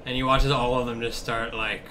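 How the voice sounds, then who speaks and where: Bright-voiced man running a tabletop game. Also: medium pitch, little pitch movement, a little fast, slight background noise. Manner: laughs often, loose and profane. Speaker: game master.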